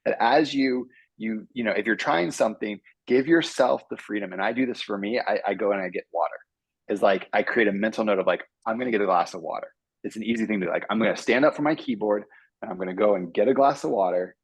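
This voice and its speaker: A man, a software engineer, giving earnest advice to students on a panel and acting out his own thoughts as he goes. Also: lowish voice, fast talker, husky, dry recording. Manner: earnest, animated, acts out his own inner voice.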